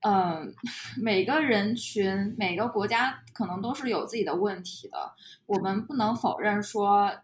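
A woman from China, co-hosting a podcast and talking in a reflective, measured, casual way. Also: mid-range voice, slight background noise. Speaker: podcast co-host. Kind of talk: casual conversation. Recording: echoey room.

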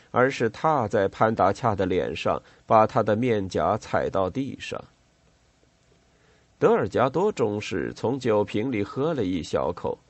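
A man narrating a novel for an audiobook. His low, husky voice moves unhurriedly but rises and falls a great deal, recorded close and dry. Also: no room sound. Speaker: audiobook reader.

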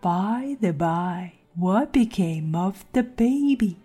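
A woman voicing a sly grinning cat in a storybook reading, drawing her words out slowly with hushed, teasing whispers. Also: mid-range voice, animated, husky, soft background music.

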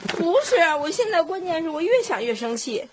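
An actress playing an excitable, easily duped middle-aged mother in a family sitcom, complaining dramatically. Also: high voice, normal speed, creaky, slight background noise, heavily acted. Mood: upset. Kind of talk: sitcom acting.

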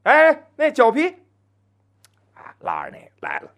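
A man telling a traditional folk story on his own, chatty and full of asides, slowing down to chant opening verse. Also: very high voice, wildly swooping pitch, fairly bright tone. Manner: chants verse slowly and grandly.

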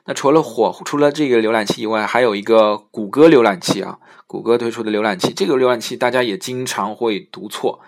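Guy teaching english words on his show, laid back, lots of uh, slows way down on the english bits. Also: fairly low pitch, vocal fry. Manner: relaxed, many fillers, slows down to say English words. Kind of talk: casual spoken lesson.

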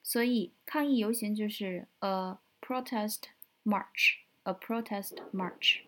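A woman teaching English vocabulary from a news story, explaining words step by step, spelling them out slowly and repeating them. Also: mid-range voice, a bit bright, poor audio.

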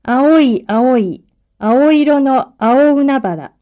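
Woman, model speaker for pronunciation drills, high voice, very slow, careful enunciation. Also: animated, warm tone, highs cut off. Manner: clear, careful enunciation of single syllables and words.

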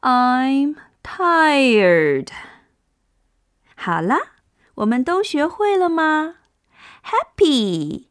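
A woman's voice: high voice, sing-song, no room sound, studio quality. A young woman teaching English to small children, coaxing them along and stretching out each sound to demonstrate it. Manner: coaxing, drawn-out demonstrative phonics. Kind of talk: children's language lesson.

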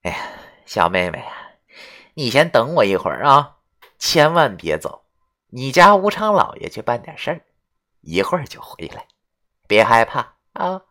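A crude, foul-mouthed old ghost man, played by a woman, blustering loudly and swaggering, his voice low for a woman and swinging wildly up and down. This is audio drama acting. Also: big pitch swings, normal speed, long pauses, full character voice. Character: lecherous old male ghost, rowdy and crude.

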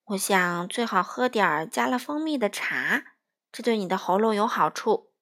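A woman voicing a wise, serious hare in a children's storybook, speaking slowly and soothingly. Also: mid-range voice, expressive, a bit bright.

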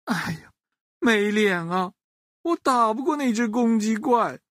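A woman's voice: on the high side, animated, measured pace, a bit bright, no room sound, clean studio sound, pitched above the performer's own voice. A woman voicing the Monkey King, a proud male hero who is boastful and easily wounded, in a dramatic, exclaiming way for a children's story. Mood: tearful, humiliated.

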